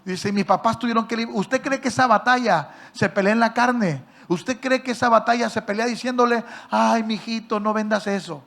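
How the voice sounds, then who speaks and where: A male pastor, preaching by telling a story and questioning his listeners directly, acting out the people in it with sudden loud and soft swings. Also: extremely high pitch, normal speed, creaky, few pauses. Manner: acts out quoted voices with big swings in loudness. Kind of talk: sermon storytelling.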